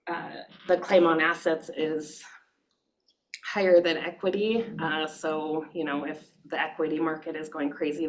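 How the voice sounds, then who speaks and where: A woman giving a brisk, matter-of-fact explanatory presentation at a board meeting. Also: deep voice, slight background noise, rough recording.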